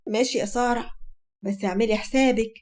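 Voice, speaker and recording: A woman voicing an overbearing older Egyptian mother who scolds loudly and indignantly. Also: fairly high pitch, fairly even intonation, a little fast, close to an everyday voice.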